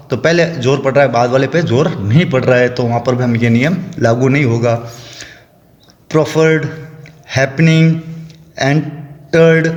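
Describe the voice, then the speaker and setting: A man teaching a lesson, slowly and methodically explaining rules and spelling out example words. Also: mid-range voice. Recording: echoey room with long reverb.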